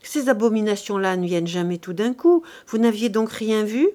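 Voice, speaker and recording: A woman's voice: medium pitch, animated, normal speed, darkish tone, close to an everyday voice. Woman reading as a bitter, angry young man. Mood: anguished anger. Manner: bitter, accusing outbursts.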